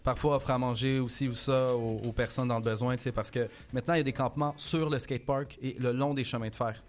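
A man with a Québécois French accent hosting an interview, giving friendly shout-outs and hyping his guest. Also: mid-range voice, fairly even intonation, fast talker. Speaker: interview host. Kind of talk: casual interview chat.

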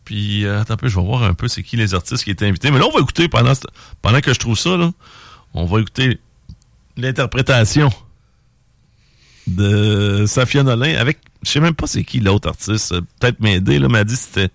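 A man's voice: fairly low pitch, expressive, fairly quick, gravelly, dry recording, studio quality. A middle-aged man with a Québécois accent hosting a casual chat, rambling and hesitant with lots of fillers. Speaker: podcast host.

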